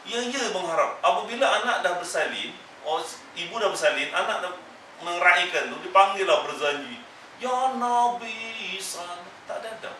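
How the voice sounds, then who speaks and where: A man gives a religious lesson, pressing the same warnings again and again with emphasis. His voice is bright and sits fairly high. It is picked up from a distance in a roomy, echoing space with a faint hiss behind it. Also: expressive, brisk. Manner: emphatic, repetitive admonishing. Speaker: religious teacher. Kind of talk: Quran exegesis class. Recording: echoey room, mic far off.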